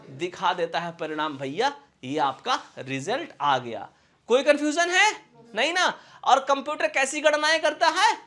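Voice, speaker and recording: A man's voice: very high-pitched, a bit bright. A man teaching a computer lesson in with a tinge, who keeps checking whether his students have understood. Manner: asks quick check questions again and again. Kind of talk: classroom-style lesson.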